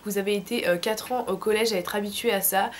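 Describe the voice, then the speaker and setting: Fast and steady in tone, a mid-range female voice carries slangy, informal advice in a laid-back vlog. The speaker is a late-teen French vlogger ill with a throat infection, her voice thick and sore from tonsillitis, with slight background noise.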